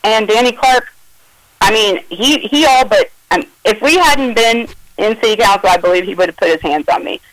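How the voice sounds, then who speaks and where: A woman phones in about an incident, speaking at normal speed in a mid-range voice. She relates an agitated, emotional first-person account of a confrontation, dramatizing the quoted dialogue, on a low-quality recording with no echo.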